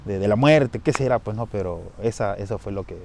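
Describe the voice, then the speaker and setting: A man's voice: lowish voice, fairly quick, darkish tone, a little hiss or hum. A man with a Peruvian Spanish accent casually recounting a family ghost story, rambling with restarts and tag questions. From Peru. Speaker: storyteller sharing a personal experience. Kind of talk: casual spoken anecdote.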